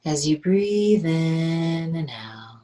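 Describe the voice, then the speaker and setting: Very slow, low, soothing woman guide. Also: lively intonation. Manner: soft, slow and soothing, half-whispered. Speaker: meditation guide. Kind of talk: guided meditation.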